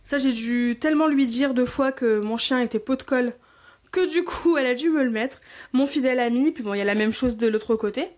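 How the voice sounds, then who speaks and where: A woman with a notably high voice gushes through a casual unboxing chat, repeating her delight over each item. She talks to her viewers like a friend, relaxed and warmly excited. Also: a little fast. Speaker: scrapbooking channel host.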